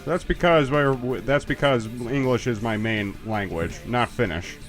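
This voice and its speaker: A man with a mid-range voice chats and jokes casually at a measured pace, doing let's play commentary while a game's credits roll. Soft music plays in the background.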